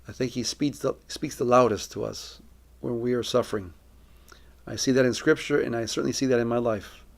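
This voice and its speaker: A middle-aged Colombian man with a very creaky, gravelly voice at a typical male pitch shares his personal testimony as a missionary. He speaks earnestly and reflectively, choosing words deliberately, in a steady tone and at a fairly quick pace.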